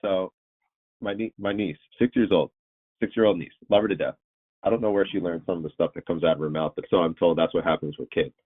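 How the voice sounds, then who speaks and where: A low-voiced man joins a sports podcast as a guest reporter and tells stories in an animated, laughing way. His voice is husky, and it comes through a thin, phone-like remote line. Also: fast talker. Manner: animated storyteller, laughs often. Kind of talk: casual sports podcast chat.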